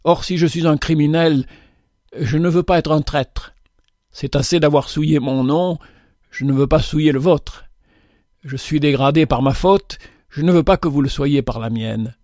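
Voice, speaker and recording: Picture a humble, ashamed convict, pleading slowly with his head bowed, as a male storyteller voices him. The voice sits a touch high for a man and is recorded very dry and close. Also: darkish tone, no echo, close to an everyday voice. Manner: slow, pleading, self-reproaching.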